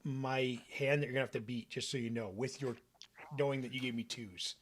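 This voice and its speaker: A man's voice: medium pitch, steady tone, a little fast. A young man running a tabletop game as game master, loose and full of fillers. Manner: loose, filler-heavy narration.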